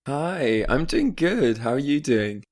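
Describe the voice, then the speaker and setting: A man who grew up in France, a guest on a podcast who talks casually and chattily, with fillers and quick tangents. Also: medium pitch, very animated, darkish tone, slight background noise. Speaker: guest, spiritual coach.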